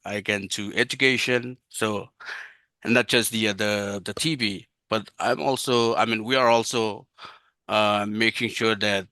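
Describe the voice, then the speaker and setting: Halting man on a health panel. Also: fairly low pitch, fairly even intonation, bright, forceful tone, no echo. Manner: halting, many restarts and fillers. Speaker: health department outreach worker. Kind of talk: webinar panel answer.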